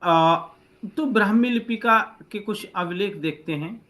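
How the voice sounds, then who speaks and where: A man's voice: high-pitched, measured pace, fairly bright tone. A man teaching an online class over a video call, patiently explaining letter by letter. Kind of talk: online lecture.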